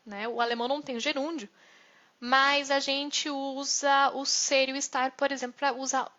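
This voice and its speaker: A woman's voice: sits high, little pitch movement, normal speed, sharp tone. A woman with a Brazilian Portuguese accent teaching German in a live online lesson, explaining step by step and checking in with "né?" and "ok?". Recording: dull lo-fi sound.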